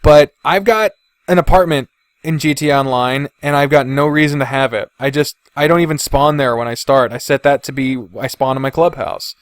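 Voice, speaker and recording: A podcast host delivers casual, opinionated video game commentary in a brisk, medium-pitched voice with fairly even intonation, recorded dry. His manner is blunt and griping, with frequent swearing.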